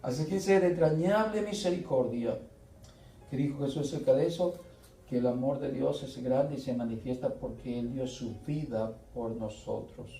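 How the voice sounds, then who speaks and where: A middle-aged man preaching a slow, earnest sermon, often pausing and restarting. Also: mid-range voice, gravelly, mellow. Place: church hall. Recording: echoey church room, voice from far off, faint music.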